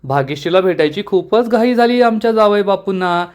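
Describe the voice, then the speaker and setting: A man's voice: high-pitched, expressive, fairly quick. A man voicing a teasing, fond elderly grandmother.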